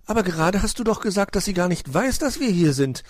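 A man voicing an eager young male animal nephew in a children's story, chattering with excitement. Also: high-pitched, moderate pace, dry recording, studio quality, pitched above the performer's own voice.

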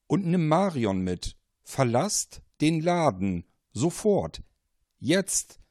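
A man's voice: mid-range voice, darkish tone, no echo, studio quality, pitched above the performer's own voice. A man putting on an urgent, insistent phone caller. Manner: insistent, pressing, commanding. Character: urgent mysterious man on the phone warning of danger.

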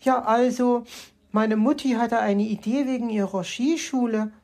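A woman's voice: fairly high pitch, fairly even intonation, unhurried, darkish tone. A woman reading a children's audiobook, voicing an eager, polite little boy hedgehog in a raised voice.

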